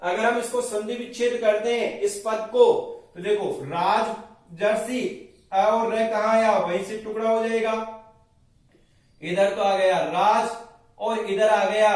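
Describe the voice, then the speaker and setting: A man teaching Sanskrit grammar in a lecture, explaining step by step and asking and answering his own questions. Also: high-pitched. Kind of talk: classroom lecture at a board. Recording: very echoey room, mic far off.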